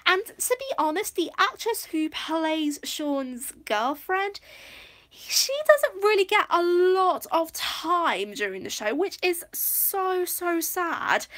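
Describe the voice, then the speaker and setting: A woman's voice: very high-pitched, animated, takes it slowly, a bit bright. A woman from Wales hosting a casual livestream review, rambling and easily distracted, with many fillers and restarts. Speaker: livestream host. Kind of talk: casual live review chat.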